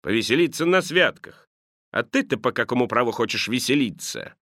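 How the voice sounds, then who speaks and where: A man's voice: medium pitch, animated, brisk, a bit bright, no room sound, clean studio sound. A man reading the part of a grumpy, miserly old man who talks in a grumbling, dismissive way. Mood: scornful. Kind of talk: audiobook character reading.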